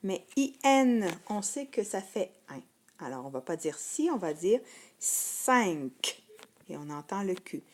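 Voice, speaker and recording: A woman's voice: on the low side, expressive, moderate pace, warm tone, slight background noise. A woman teacher with a Québécois French accent, giving a patient phonics lesson to first graders and repeating each word twice.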